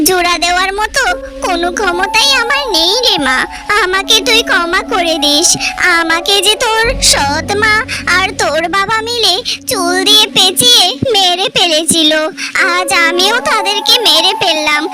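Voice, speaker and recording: Woman playing a ghost mom in a cartoon, high voice, grim and out for revenge, loud music behind. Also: moderate pace. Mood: tender. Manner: menacing, accusing speech. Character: vengeful ghost mother, grim and stern. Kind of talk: dubbed cartoon acting. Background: loud background music.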